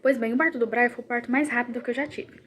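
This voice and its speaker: A woman's voice: on the high side, steady tone, fast, a bit bright. Chatty woman, echoey room. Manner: chatty, addresses viewers as "gente", acts out quoted dialogue. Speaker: vlogger telling her pregnancy stories. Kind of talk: casual storytelling to camera. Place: home, moving between rooms. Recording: echoey home room, faint background noise.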